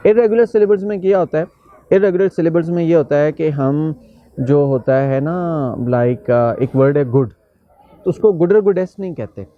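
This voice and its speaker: A man with a slightly high voice teaching an English grammar lesson, working through one example after another. He slows down carefully for each example phrase. The recording sounds muffled and lo-fi. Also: no echo. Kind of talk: grammar lecture.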